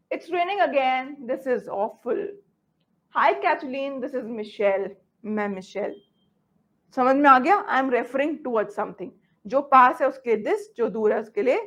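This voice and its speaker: A woman with an Indian English accent teaching a grammar lesson, often stopping to check that students follow. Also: high-pitched. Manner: switches between Hindi and English, checks understanding often.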